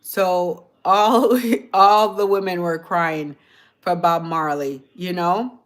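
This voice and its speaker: Woman, livestream host, lowish voice, slow rambling chat, sounds tired. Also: fairly even intonation. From Jamaica. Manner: chatty, rambling, repeats herself. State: tired from a late night. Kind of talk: casual chat with viewers.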